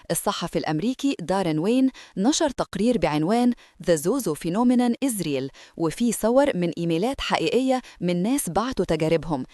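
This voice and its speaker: A woman's voice: on the low side, mellow, no room sound, clean studio sound. A woman with an Egyptian Arabic accent narrating a scripted horror story in a dramatic storytelling manner.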